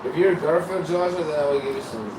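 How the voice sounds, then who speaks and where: A man's voice: a little high, fast talker. A man talking casually on a livestream, playful and teasing, chatting to viewers in a rambling way. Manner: playful, teasing and sing-song. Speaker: livestream host. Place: apartment by an open window. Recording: echoey room, mic far off, loud street traffic.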